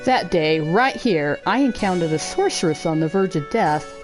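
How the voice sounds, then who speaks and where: A woman voicing a mature sorceress, speaking formally in a measured, regretful confession. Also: lowish voice, expressive, music in the background, close to an everyday voice, low-quality recording. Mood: solemn.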